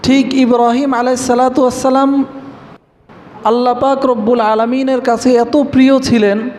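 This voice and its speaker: A man with a very high voice delivers a religious lecture, reciting Arabic verses and then explaining them. His voice carries a long reverb, as if spoken in a hall. A faint noise sits under the recording. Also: a little mellow. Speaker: Islamic preacher.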